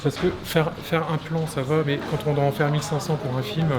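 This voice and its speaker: Over a noisy crowd in a rough recording, a man gives a casual walking tour of an animation studio's indoor offices. His voice sits on the high side with a level tone, and he hesitates constantly, restarting and using fillers.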